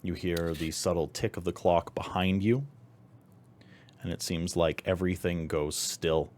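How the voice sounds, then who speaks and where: A man narrating scenes as the game master of a tabletop role-playing game, in a measured way. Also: low voice, flat delivery, a little mellow, a little hiss or hum.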